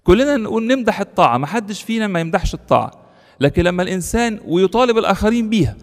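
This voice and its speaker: A man preaching a sermon in an Egyptian Arabic accent, lively and slowing down to quote scripture. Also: high voice, big-room sound. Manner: lively, rising for emphasis, quoting scripture slowly.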